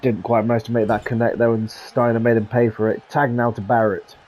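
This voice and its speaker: A man doing casual play-by-play commentary on a wrestling video game, often breaking into high laughter. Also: level tone, fairly quick, a little mellow, dull audio.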